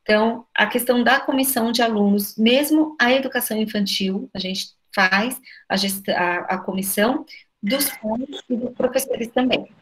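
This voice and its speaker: A woman with a Brazilian accent and a slightly high voice speaks in a relaxed, conversational way. She keeps firing off rhetorical questions and tags them with little checks for agreement. It sounds like a school director on a video call with fellow educators. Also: normal speed. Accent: Brazilian Portuguese. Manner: lively, asks many rhetorical questions, frequent "né?".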